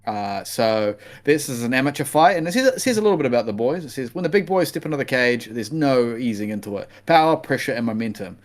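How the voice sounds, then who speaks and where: A man's voice: mid-range voice, big pitch swings, quick pace, hardly any pauses. A man with a broad New Zealand accent chatting casually as a podcast co-host previewing fights, laid-back and slangy.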